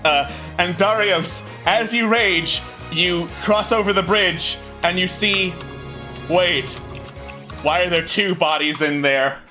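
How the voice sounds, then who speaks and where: A man's voice: high voice, slow, sharp tone. A man narrating a tabletop game as game master. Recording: background music under the voice.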